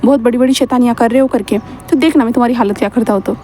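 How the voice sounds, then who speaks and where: A woman's voice: on the high side, rapid-fire, dark tone, a little hiss or hum, close to an everyday voice. A woman voicing a stern, bossy older brother who scolds and gives orders. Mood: scolding. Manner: scolding, commanding.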